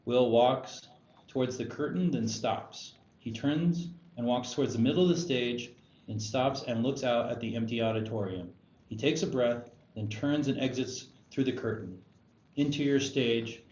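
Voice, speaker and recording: A man with a medium-pitched, slightly mellow voice takes his time narrating stage directions from a script. The setting is a screenplay table read in a spacious indoor room. Expect echo, a dull sound and faint background noise.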